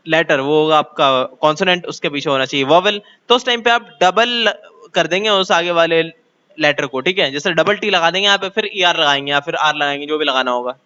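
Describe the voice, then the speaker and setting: High, bright-voiced Indian teacher. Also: male voice, smooth, dull audio. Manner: explains step by step, asks the class rhetorical questions; reads English rules out slowly. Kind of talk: grammar lesson in Hindi with English terms.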